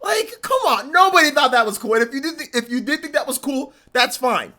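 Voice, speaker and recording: A man in his mid-forties hosts a live reaction stream and rants at length. His voice is bright and cutting. He sounds exasperated and circles back over the same points. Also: extremely high pitch, lively intonation, brisk. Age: 40s. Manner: ranting, repetitive, exasperated. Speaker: livestreamer.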